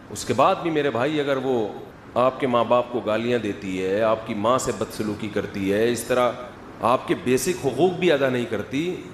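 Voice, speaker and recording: Man, lively sermon, rhetorical questions, long hall reverb, faint background hum. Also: mid-range voice. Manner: animated, acts out quoted voices, rhetorical questions to the audience. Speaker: Islamic scholar giving a talk. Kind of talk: lively sermon with humorous asides. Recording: echoey hall with faint ambience.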